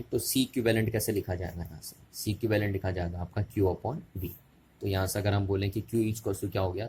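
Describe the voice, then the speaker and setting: Male physics teacher, lower pitch, patient repetitive board explanation, faint noise in the room. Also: darkish tone. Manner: repetitive, checking questions to students.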